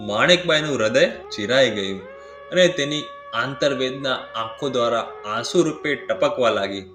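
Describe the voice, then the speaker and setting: A man's voice: medium pitch, fairly bright tone. Male narrator telling a devotional tale. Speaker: storyteller. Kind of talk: scripted narration of a devotional story. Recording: roomy with clear devotional music behind.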